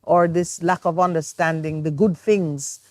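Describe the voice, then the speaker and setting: In a dry, studio-quality recording, a Jamaican woman with a lowish, steady, unhurried voice co-hosts a morning talk show. She explains her views earnestly and reflectively during the studio discussion.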